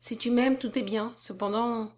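Woman doing a nervous young girl, high, kinda indignant, storybook. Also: moderate pace, natural voice. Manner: raised, anxious, indignant. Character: young woman, earnest, easily startled and flustered. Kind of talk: audiobook character voice.

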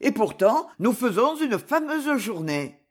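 A woman's voice: fairly high pitch, very animated, slow, husky, heavily acted. A woman reading an audiobook voices a cheerful, shrewd husband who speaks with confidence. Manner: confident and jovial.

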